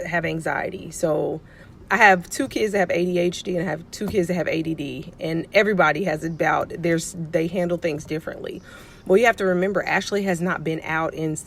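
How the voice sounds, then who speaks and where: Chatty woman with a lowish voice. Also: a little hiss or hum. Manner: chatty, acts out quoted dialogue. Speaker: pediatric nurse and life coach. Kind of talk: casual storytelling to camera.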